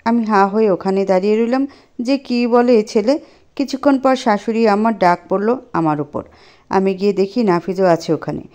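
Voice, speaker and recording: A woman narrating a first-person love story in an expressive storytelling manner. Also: medium pitch, normal speed.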